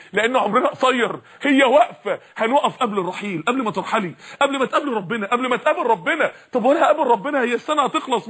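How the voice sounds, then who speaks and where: A man with an Egyptian Arabic accent preaching a sermon, pressing the audience with repeated questions in a husky voice. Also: very high-pitched, a bit bright.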